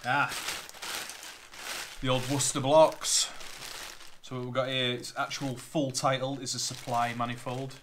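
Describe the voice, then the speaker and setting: This is a casual unboxing vlog: a plumber from Northern England sits at a table at home in his living room, filmed by a camera on a tripod, chatting and listing boiler parts in a matter-of-fact way amid crinkling plastic bags. He speaks at medium pitch in a level tone, a little slowly with long pauses, and there's background noise.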